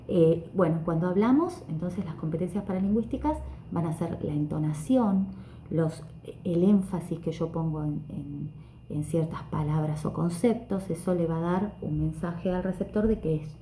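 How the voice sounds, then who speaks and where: Woman, teacher, chatty with fillers, very warm dark tone, faint room hum. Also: deep voice, reverberant. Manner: friendly, conversational, many fillers and restarts. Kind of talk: recorded online lesson. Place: room at home.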